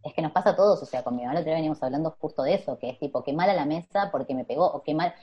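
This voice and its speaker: A woman's voice: deep voice, very fast, highs cut off, a crowd in the background. A woman with a Rioplatense accent, a mother chatting casually and thinking aloud in long, rambling turns. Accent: Rioplatense Spanish. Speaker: guest, mother and influencer. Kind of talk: casual chat.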